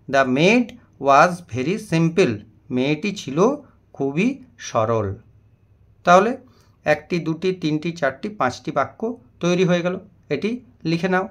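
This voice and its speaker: A man's voice: fairly high pitch, fairly bright tone. A man teaching an English lesson, explaining vocabulary patiently and spelling words out letter by letter. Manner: slow, deliberate reading of English example sentences.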